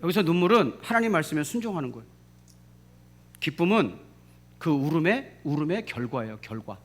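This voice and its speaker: Male pastor, middle-aged, sermon, emphatic, repeats phrases, rhetorical questions, lively rising and falling pitch. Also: a little fast.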